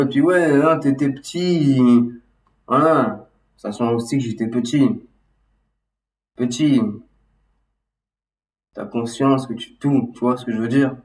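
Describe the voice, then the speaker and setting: A man talking casually and loosely about his memories, halting and restarting often with lots of fillers. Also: mid-range voice. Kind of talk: casual rambling monologue. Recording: roomy echo, mic at a distance.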